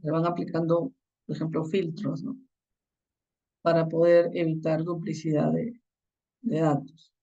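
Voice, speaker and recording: A course instructor giving a recorded lecture on the slides, explaining step by step and often checking in with a quick tag question. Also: medium pitch, little pitch movement, mellow, distant mic, muffled recording.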